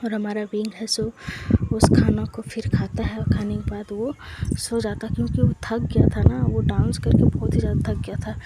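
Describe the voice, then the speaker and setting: A woman retells a story in a chatty, casual storytelling style. Her pitch stays flat and even. Loud background noise runs under the recording. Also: moderate pace. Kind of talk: casual fan-fiction storytelling.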